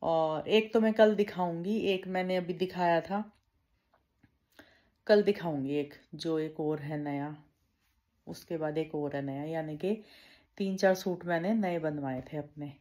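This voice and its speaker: A woman's voice: unhurried, warm tone. A young woman vlogger chatting casually to her viewers, keeping her voice down at times. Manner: chatty, addresses viewers as bhai; lowers voice to avoid waking someone. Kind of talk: casual daily vlog chat.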